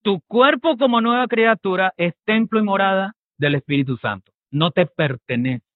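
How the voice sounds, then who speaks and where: A man's voice: high voice, moderate pace, no room sound. A man preaching a sermon as pastor, asking rhetorical questions and checking in with listeners through short tag questions. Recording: dry, tinny phone-like sound.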